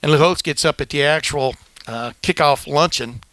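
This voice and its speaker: A man's voice: on the high side, normal speed, fairly bright tone, no echo. An older man hosting a podcast, telling long rambling anecdotes in casual chat with lots of fillers, on a dry close mic. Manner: rambling anecdotes with many fillers, acts out quoted voices. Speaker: podcast host, veteran sportswriter.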